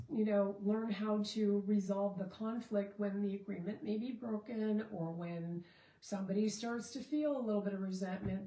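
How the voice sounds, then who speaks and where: A woman's voice: medium pitch, warm tone. Rambling woman coach in an echoey room. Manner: conversational, rambling with many fillers and restarts. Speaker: relationship and marriage coach. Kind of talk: casual Facebook Live talk.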